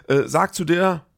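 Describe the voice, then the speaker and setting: Gravelly man rambling casually. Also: a little high. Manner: rambling, self-correcting anecdotes. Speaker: comedian. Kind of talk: casual monologue.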